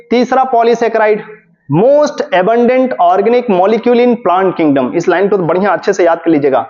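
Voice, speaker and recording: Man, high voice, dull lo-fi sound; teacher running an exam revision lecture in Hindi-English mix, poses questions and answers them himself. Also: darkish tone. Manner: explains step by step, often asks and answers his own questions. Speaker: chemistry teacher. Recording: dull lo-fi classroom recording.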